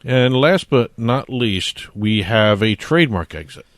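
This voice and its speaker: A man's voice: mid-range voice, expressive, a little slow, very noisy. A man with a New Jersey accent co-hosting a casual podcast, explaining at length with plenty of fillers. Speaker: co-host, trademark attorney.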